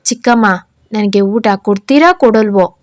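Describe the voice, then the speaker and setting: A woman's voice: mid-range voice, moderate pace, no room sound, natural voice. A woman voicing a troubled teenage girl who speaks bluntly and sullenly in a read-aloud story.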